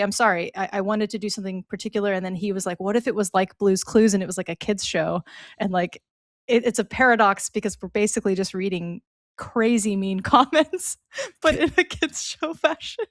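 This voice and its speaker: A young woman co-hosting a casual podcast, talking quickly and going off on tangents, with laughs in between. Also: mid-range voice, no room sound, clean studio sound. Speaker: co-host.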